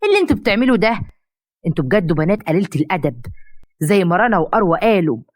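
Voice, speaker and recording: A woman's voice: lowish voice, big pitch swings, racing, no room sound, clean studio sound. A woman doing an easily swayed Egyptian mother. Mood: scolding. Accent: Egyptian Arabic. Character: middle-aged mother, easily swayed, harsh to daughters.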